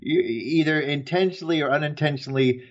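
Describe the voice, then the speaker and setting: A man's voice: on the high side, brisk, lo-fi sound. A man co-hosting a comedic podcast, talking with mock-serious, dry delivery. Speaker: podcast co-host.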